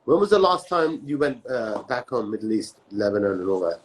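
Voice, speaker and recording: A man hosting a casual live-stream interview, talking in quick bursts full of restarts. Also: fairly low pitch, sing-song, low-quality recording. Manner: rapid, halting, many restarts and "man". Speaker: host.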